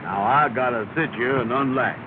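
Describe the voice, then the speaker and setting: An actor playing Andy, a lazy, self-important man who bosses and complains in a slow dialect, on an old 1930 film soundtrack. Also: medium pitch, narrow, tinny audio, background noise, close to an everyday voice.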